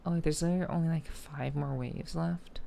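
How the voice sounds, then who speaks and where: Playful gamer girl, low mellow creaky voice. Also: steady tone, unhurried, slight background noise. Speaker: streamer chatting with viewers while gaming. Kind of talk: casual live-stream chat.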